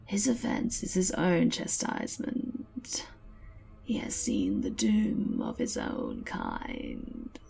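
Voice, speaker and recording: A woman voicing an ancient male amphibian mage-priest in an epic fantasy story, grave and commanding, breathy, half-whispered, with slow weighty pauses. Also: a bass voice, huge pitch swings, mellow, soft background music, pitched below the performer's own voice, exaggerated voice. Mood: grave, ominous.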